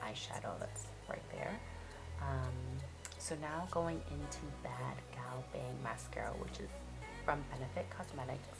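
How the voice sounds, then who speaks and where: A woman's voice: very deep voice, creaky. A woman beauty vlogger talks casually through a makeup tutorial in a chatty, self-deprecating, apologetic way, her voice slightly muffled by a basic mic. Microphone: basic mic, not a good one. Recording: muffled cheap mic, loud music behind. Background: loud music.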